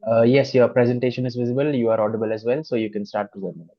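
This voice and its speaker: A man moderating a conference session online, speaking in a polite, formal way with hesitant pauses. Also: medium pitch, fairly even intonation, no echo. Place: online video conference call. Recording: dull, dry online meeting audio.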